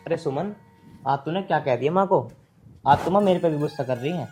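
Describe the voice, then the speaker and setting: A man's voice: a little high, a little fast, mellow, soft background music, lightly acted. An actor playing a young husband torn between wife and mother, talking urgently and protectively.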